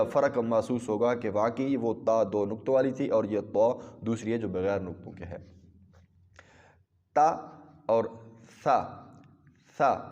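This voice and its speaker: A man's voice: mid-range voice, darkish tone, lo-fi sound. Patient male Quran teacher, reverberant room. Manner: patient, step-by-step explaining with many pauses; drawn-out model pronunciation of letters. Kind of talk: recorded Qaidah lesson.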